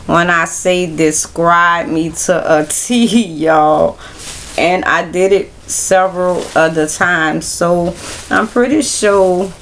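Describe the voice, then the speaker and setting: A woman hosting a casual Bible study livestream, talking in a relaxed, rambling way straight to her viewers. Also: fairly low pitch, a little hiss or hum. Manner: relaxed, rambling, speaks directly to viewers as y'all.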